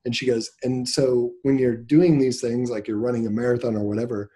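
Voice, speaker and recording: Husky-voiced man telling a story. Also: mid-range voice, brisk. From Nebraska, USA. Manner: animated storyteller, acts out quoted dialogue. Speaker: business owner, interview guest. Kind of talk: casual storytelling interview.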